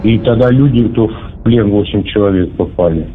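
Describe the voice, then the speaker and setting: A man speaking to his soldier son, heard over a radio intercept of a phone line, calm and giving firm advice. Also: lowish voice, moderate pace. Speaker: father of a soldier. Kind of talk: private phone call.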